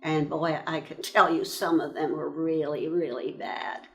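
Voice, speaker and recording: A woman in her nineties from eastern Pennsylvania, slowly recalling her years as an army nurse in an interview, pausing often between phrases. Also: low voice, level tone, a bit bright. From eastern Pennsylvania, USA. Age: 90s. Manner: slow, reflective storytelling with frequent pauses. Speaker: interviewee, World War II army nurse veteran. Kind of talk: reminiscing in an oral-history interview.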